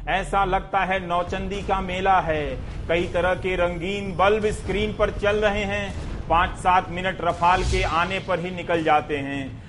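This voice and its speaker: A man's voice: sits high, a bit bright, slight background noise. A man delivering scripted TV news commentary in a sarcastic, rhetorical way, speaking straight to the viewer.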